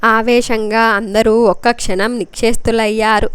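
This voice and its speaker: A woman's voice: a little high, flat delivery, normal speed, fairly bright tone, clear, resonant tone, dry recording. A woman storyteller giving an emotive, dramatic narration of a love story.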